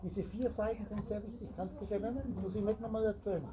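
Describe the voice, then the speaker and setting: A man's voice: high-pitched, fairly even intonation, quick pace, a crowd in the background, poor audio. A man lecturing a small group as a spiritual teacher, rambling and playing on the roots of words while speaking straight to his listeners. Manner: rambling, wordplay on word roots, addresses listeners directly. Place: meeting room with a small group. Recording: recorded amid a chattering group.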